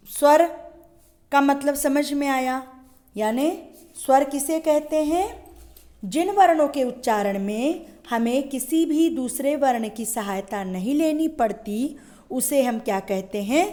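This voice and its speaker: A woman's voice: sits high, animated, slow, mellow. A woman schoolteacher giving a Hindi grammar lesson, asking questions and answering them herself, drawing out example sounds. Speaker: school teacher.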